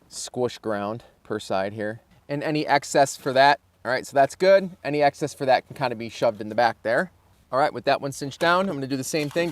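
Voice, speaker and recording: Working with his hands, the host of a car installation how-to channel thinks aloud informally, talking through the job as a casual tutorial. His voice is medium-pitched, with slight background noise.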